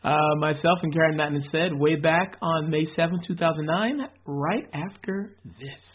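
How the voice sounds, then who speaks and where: A man's voice: on the high side, normal speed, husky. A man hosting a podcast, reading a scripted introduction to an archived episode. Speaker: podcast host. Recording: tinny, band-limited sound.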